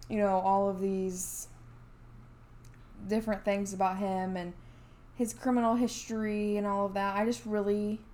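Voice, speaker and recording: A woman's voice: mid-range voice, level tone, moderate pace, a little mellow. Chatty woman telling a story casually. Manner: chatty, many fillers and restarts. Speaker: podcast co-host.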